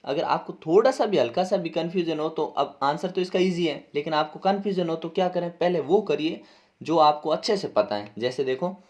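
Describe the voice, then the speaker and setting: A man's voice: fairly high pitch, a little fast, a little mellow. A man teaching a class lesson as he walks through an exam paper, explaining each answer step by step and spelling words out letter by letter, with a Hindi accent. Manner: explains step by step, keeps asking "ठीक है ना".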